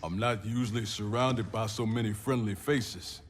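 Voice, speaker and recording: A man's voice: fairly low pitch, normal speed, a little hiss or hum, natural voice. An actor playing an anguished, stubborn soldier father in a video game, blunt and earnest in his delivery. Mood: grim. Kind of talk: dramatic video game acting.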